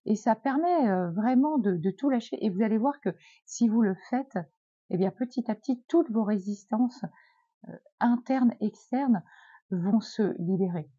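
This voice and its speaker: A woman giving a gentle, encouraging self-help talk as a wellness coach, with many hesitant fillers. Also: on the high side, expressive, a little slow, breathy edge, no room sound, lo-fi sound.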